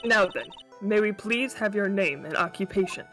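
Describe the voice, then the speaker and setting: A woman's voice: medium pitch, expressive, moderate pace, fairly bright tone, faint music behind, lightly acted. A woman voicing a self-assured but flustered female defense attorney in a comedic courtroom game read-along. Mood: businesslike.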